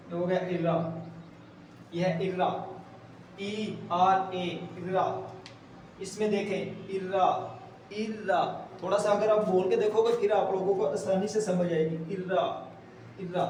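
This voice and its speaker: Male tutor, high-pitched voice, patient and repetitive, recorded from a distance in an echoey room. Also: a little mellow. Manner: patient, repeats words slowly while writing. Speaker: shorthand teacher. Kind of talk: step-by-step tutorial explanation. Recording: roomy echo, distant mic, faint hiss.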